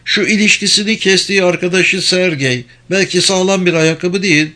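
A male audiobook reader voicing a frightened, tearful young woman in a high, strained, pleading voice. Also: fairly even intonation, brisk, sharp tone. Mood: anxious, tearful. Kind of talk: audiobook character voice.

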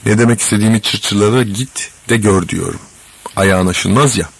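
Storybook: male reader doing a mocking, reproachful coworker; low and husky. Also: moderate pace. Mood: scornful. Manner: sarcastic, reproachful.

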